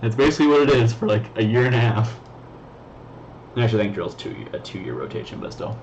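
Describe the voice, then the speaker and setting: A man's voice: lowish voice, lively intonation, fast talker, darkish tone. Laid-back slangy man, lo-fi sound. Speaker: co-host. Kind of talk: casual chat. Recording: dull lo-fi sound, faint noise.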